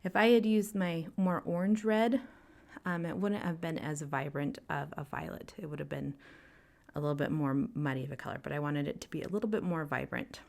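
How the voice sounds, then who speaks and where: Breathy young woman doing a painting tutorial voiceover, kinda out of breath, calm, lots of ums. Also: sits low, a little fast. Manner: calm, explanatory, with frequent ums. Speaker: art instructor.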